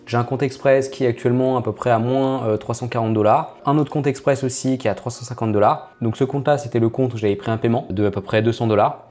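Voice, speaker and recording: Homme français hésitant, voix sombre. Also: male voice, mid-range voice, fairly even intonation, quick pace, few pauses, darkish tone. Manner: hesitant, full of filler "euh"; chatty, addresses viewers directly. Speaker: trading channel host. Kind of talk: casual screen-share commentary.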